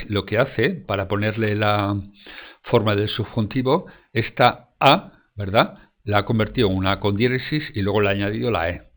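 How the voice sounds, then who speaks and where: Man, fairly low voice, German teacher, patient step-by-step explanations, frequent check-ins. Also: fairly bright tone. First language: French. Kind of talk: explaining grammar lesson.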